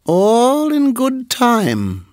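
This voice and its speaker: A man's voice: very high voice, wildly swooping pitch, darkish tone, dry recording, clean studio sound, voice pushed up, full character voice. A man voicing Nagaina, a hissing vengeful cobra. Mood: menacing. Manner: menacing, slow and drawn-out. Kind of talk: storybook reading.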